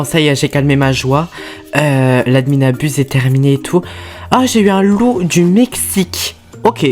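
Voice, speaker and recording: A woman streamer giving casual gaming commentary, excitable and prone to loud, squealing outbursts. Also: very deep voice. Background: faint background music.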